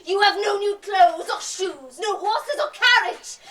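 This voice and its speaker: A woman's voice: very high-pitched, drawn-out words, pitched above the performer's own voice, heavily acted. Woman playing a distraught golden lake spirit. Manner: loud, crying and shouting. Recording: roomy, distant, noisy.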